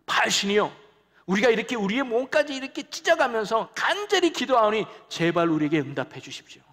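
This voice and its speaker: A man's voice: sits high, big pitch swings, fast talker, a bit bright, pitched above the performer's own voice, heavily acted. A man voicing desperate male pagan priests who plead with their god, heard in a reverberant church hall. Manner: pleading, imploring.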